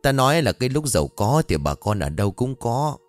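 A man voicing an older village man telling a sad tale slowly and somberly. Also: medium pitch, very animated, no room sound, soft background music, lightly acted.

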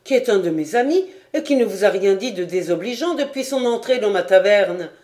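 A woman's voice: medium pitch, animated, a little fast, darkish tone, close to an everyday voice. A woman doing an urgent tavern keeper. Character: male tavern keeper intervening to calm a quarrel.

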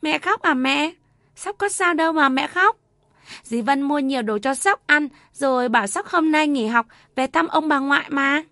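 A woman's voice: high voice, normal speed, sharp tone, dry recording, studio quality, pitched above the performer's own voice. A woman voicing a chirpy little boy. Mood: innocent. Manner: chirpy, childlike. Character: cheerful little boy, innocent.

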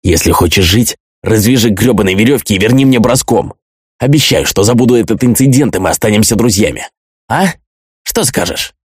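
A man's voice: lively intonation, brisk, slightly rough, no echo, clean studio sound. A man voicing a terrified, crude male tattooist held captive, shrieking and swearing in an audiobook. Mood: pleading. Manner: shrill shrieking, swearing, sobbing.

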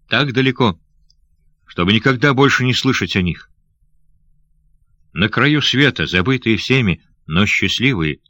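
A man's voice: fairly low pitch, fairly bright tone, no room sound. A man voicing a young noble lady who is anxious and loving, speaking in breathless, pleading questions.

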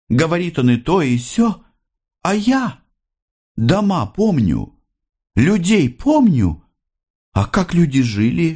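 An older mother, gentle and worn down by years of hardship, speaks in a raised, pleading voice, put on by a man. Her lines swing widely and carry strong emotion. It sounds like a storybook reading. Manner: higher, pleading, emotional delivery.

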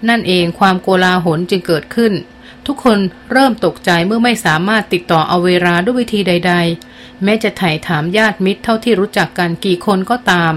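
There's a little hiss or hum behind this female audiobook narrator reading a novel. Her voice is medium in pitch, and her storytelling pace stays even, easing off whenever characters speak.

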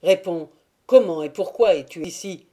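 In an audiobook, a woman with a lowish voice plays a young Cossack man, firing off loud, urgent, insistent questions. Her delivery is moderately paced and only lightly acted.

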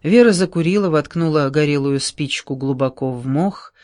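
A man narrating an audiobook in an even, measured reading. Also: fairly high pitch, no echo, clean studio sound. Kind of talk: scripted narration.

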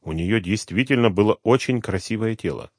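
A man narrating a novel as an audiobook, telling the story in a measured, expressive way. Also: lowish voice, breathy edge, no room sound, studio quality. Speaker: audiobook reader. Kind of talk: scripted narration.

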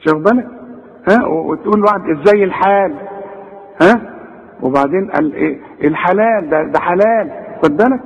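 A man's voice: high-pitched, brisk, pauses often, long reverb tail, dull audio. A man with an Egyptian Arabic accent teaching Quran recitation, drawing out example words and asking his listeners rhetorical questions. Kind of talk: tajweed lesson in Egyptian colloquial.

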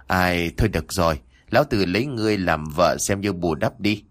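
A man's voice: low voice, fairly bright tone. A man doing a brash young martial hero. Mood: grumbling. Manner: brash, rough-talking, quick and flustered.

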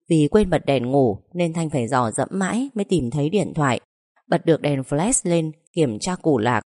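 Low, warm-voiced woman narrator. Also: no echo, clean studio sound. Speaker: audiobook narrator. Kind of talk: storybook narration.

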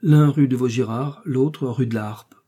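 A man's voice: medium pitch, moderate pace, warm tone, husky, natural voice. A man voicing a timid, frightened middle-aged mercer who pleads anxiously.

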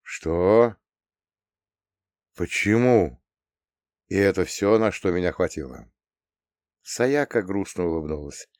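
A man's voice: deep voice, expressive, moderate pace, darkish tone, dry recording. A man narrating a first-person audiobook in a wry, dry storytelling manner. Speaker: audiobook reader.

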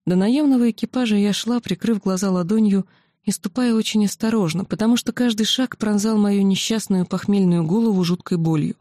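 A woman narrating a fantasy novel in the first person, with a steady, expressive reading. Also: medium pitch, fairly quick, dry recording, studio quality. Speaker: audiobook narrator.

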